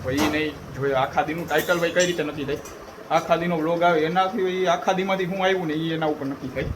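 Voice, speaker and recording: A man's voice: fairly high pitch, steady tone, fast talker, background noise. Chatty man vlogging at home. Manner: chatty, teasing, talks to camera. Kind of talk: casual family vlog talk.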